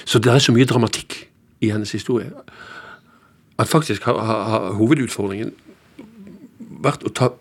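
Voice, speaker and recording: A man's voice: on the low side, long pauses, husky. A man with a Norwegian accent, a playwright, answering interview questions hesitantly. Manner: hesitant, restarts his sentences.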